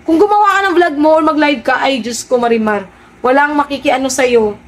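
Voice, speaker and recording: High-voiced sarcastic woman vlogger. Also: fairly quick, a little hiss or hum. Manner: sarcastic, rhetorical questioning. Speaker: vlogger addressing her viewers. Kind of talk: casual live-stream commentary on online comments.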